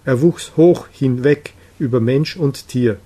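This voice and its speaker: A man reading as a calm, grave prophet. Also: mid-range voice, a little slow, close to an everyday voice. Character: wise solitary male prophet, calm and grave.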